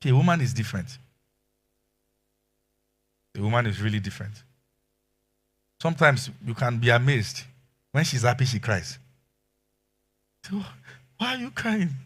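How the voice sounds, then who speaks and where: A man preaching a sermon as pastor, animated and emphatic, asking rhetorical questions. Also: mid-range voice, normal speed, long pauses, breathy edge.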